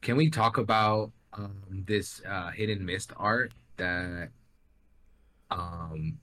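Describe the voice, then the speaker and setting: Young male podcast co-host, lowish forceful voice, frat-bro slang, enthusiastic casual anime chat. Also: slow pace.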